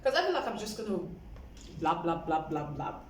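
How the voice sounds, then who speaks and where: A woman in her 20s rambles chattily through her self-care routine in a casual home vlog, peppering her speech with "like" and laughing often. Her voice is on the low side, sing-song and brisk, picked up by a camera on a stand at a slight distance in a roomy space with faint ambience and background noise.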